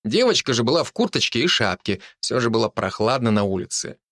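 A man narrates an audiobook in an expressive, storytelling style, his mid-range voice moving a little fast. The recording is dry, with clean studio sound.

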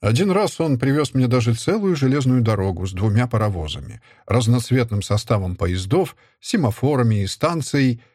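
A man narrating a story in the first person, steady and even. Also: medium pitch, moderate pace, few pauses, no echo, studio quality. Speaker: audiobook narrator. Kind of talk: scripted narration.

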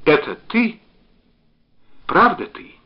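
A man's voice: sits high, huge pitch swings, slow, voice pushed up, heavily acted. A man reading aloud and voicing a frightened, tearful woman who cries out and pleads over a bad phone line. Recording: dull lo-fi recording.

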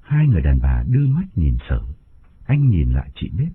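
A man narrating a village story in an expressive, lively way. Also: deep voice, fairly quick, slight background noise. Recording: tinny phone-like audio with music.

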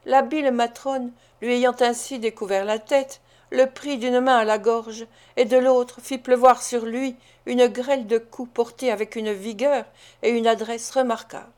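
Female audiobook narrator, slightly high, measured expressive reading of a classic. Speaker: audiobook reader. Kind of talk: scripted narration of a classic novel.

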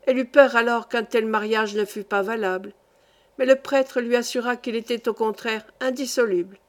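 A woman reading a classic novel aloud as an audiobook, in a steady, measured manner. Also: a little high. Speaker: audiobook reader. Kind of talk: literary audiobook narration.

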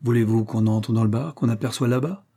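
A man's voice: mid-range voice, brisk, dark tone, breathy edge. A man reading an audiobook, voicing a cocky young Parisian street lad who talks in a boastful, slangy way.

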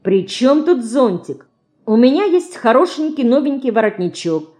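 A woman voicing a modest, gentle mother who frets over her children in an audiobook. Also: on the high side, big pitch swings, moderate pace, pitched above the performer's own voice. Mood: fretting.

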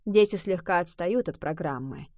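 A woman voicing a wise, firm male cat teacher in a children's audiobook, measured and persuasive. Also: fairly low pitch, expressive, dark tone, no room sound, studio quality, close to an everyday voice.

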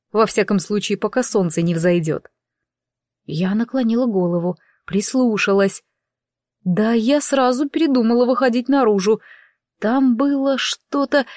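A woman's voice: on the high side, a little mellow, dry recording. A woman reading a first-person audiobook with dry, ironic storytelling. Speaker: audiobook reader.

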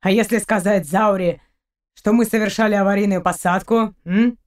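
A woman's voice: mid-range voice, fairly even intonation, moderate pace, natural voice. A woman reading aloud, voicing a brash male ship captain who grumbles and speaks curtly. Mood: gruff. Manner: grumbling, curt.

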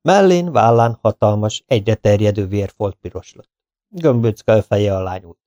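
A man reading an adventure novel aloud as an audiobook narrator, steady and even. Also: fairly low pitch, no echo, clean studio sound. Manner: steady storytelling read-out. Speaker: audiobook reader.

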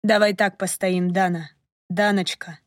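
A woman voicing a hoarse, pleading young man. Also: steady tone, dry recording, clean studio sound, natural voice. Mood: tender. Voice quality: hoarse, low and hushed. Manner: slow, soft, pleading. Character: young man, intense and remorseful suitor. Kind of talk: audiobook narration.

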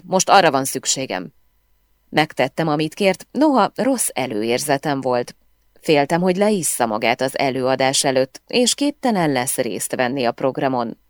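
A woman reading a novel aloud in first person with expressive storytelling. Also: a bass voice, dry recording, studio quality. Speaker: audiobook narrator. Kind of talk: scripted first-person audiobook narration.

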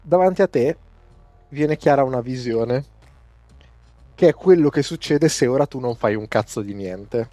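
Male game master narrating a tabletop session, mellow voice with a dry sound. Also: medium pitch, animated, moderate pace, long pauses, dry recording, faint music behind.

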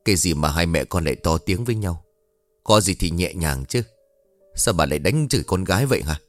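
A man voicing a gentle, worried older father who speaks softly and calmly, in a story reading. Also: deep voice, a little fast, no echo, soft background music. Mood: concerned. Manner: soft, calm and soothing.

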